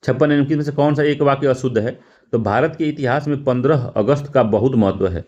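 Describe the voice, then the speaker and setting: A man's voice: medium pitch, fast talker, darkish tone, dull audio. A male teacher going through exam practice questions, repeating words and correcting himself, with frequent fillers. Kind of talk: explaining test answers.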